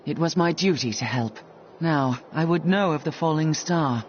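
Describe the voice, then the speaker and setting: A woman's voice: deep voice, moderate pace, slight background noise, close to an everyday voice. An actress playing a stern, dutiful female holy warrior in a fantasy game, formal and solemn. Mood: resolute. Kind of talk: fantasy video game acting. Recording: dull game audio with music behind.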